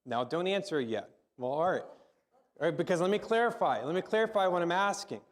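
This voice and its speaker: Slightly high-voiced male pastor preaching. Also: expressive, fairly quick. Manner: conversational, with frequent restarts and repeated words. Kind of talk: sermon with spoken prayer. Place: church service, also live-streamed.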